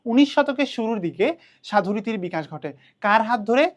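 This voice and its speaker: A woman's voice: a little high, animated, moderate pace. Woman teacher, self-questioning lecture. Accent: Bangladeshi Bengali. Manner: asks questions then answers them herself. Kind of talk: online class lecture.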